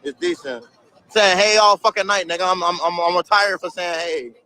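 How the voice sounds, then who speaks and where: Out on a city street with his phone held at arm's length, a young livestreamer reads viewer comments aloud and laughs them off. His voice is high, bright and ringing, with fairly even intonation and a moderate pace. The casual chat is packed with slang and swearing.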